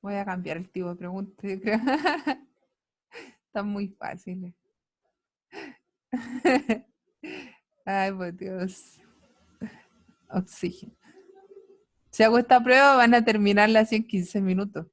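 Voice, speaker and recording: Chilean lady teaching science online over a computer mic, keeps checking in and cheering the kids on. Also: mid-range voice. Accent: Chilean Spanish. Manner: checks in often with quick tags, upbeat praise. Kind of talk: online class.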